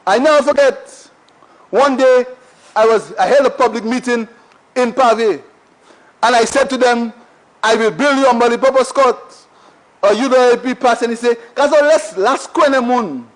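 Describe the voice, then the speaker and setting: A man's voice: very high voice, steady tone, normal speed, pauses often, low-quality recording. A Saint Lucian man giving an impassioned, repetitive parliamentary speech, full of rhetorical questions, in a parliament chamber. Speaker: member of parliament.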